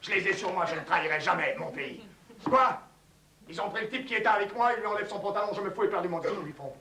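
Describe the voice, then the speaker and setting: A man's voice: high voice, expressive, fast, pushed and bright, far from the mic, slight background noise, pitched above the performer's own voice, heavily acted. A man playing a boastful patriot who cracks into panic. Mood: proud. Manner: pompous bragging, turning into frantic panicked pleading. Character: boastful patriotic male captive who cracks under torture. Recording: echoey theatre hall.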